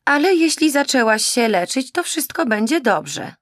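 A woman voicing a worried, fussy middle-aged mother in an audiobook, soothing and slow. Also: high voice, big pitch swings, no echo, studio quality, pitched above the performer's own voice. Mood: soothing anxious. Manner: fussing, soothing, slow emphatic. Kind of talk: audiobook character voice.

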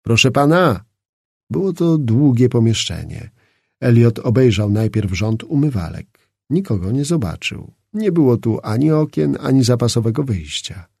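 A man reads a novel aloud with expressive, dramatic storytelling and a lively, swinging pitch. His voice is gravelly and husky. The recording is close and dry. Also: moderate pace, no room sound. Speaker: audiobook narrator. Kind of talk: scripted narration.

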